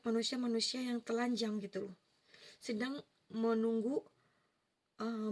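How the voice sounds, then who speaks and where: A woman telling a personal spiritual story in earnest, casual first-person testimony, with vivid detail and easy fillers. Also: a little high. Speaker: vlogger sharing a personal story.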